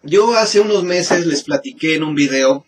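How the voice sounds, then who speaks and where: A man with a Mexican accent and a slightly high, husky voice muses slowly through a spooky legend. He pauses, doubles back and restarts his sentences as he thinks aloud. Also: expressive. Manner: musing, halting, frequent restarts. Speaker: host. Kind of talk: storytelling commentary.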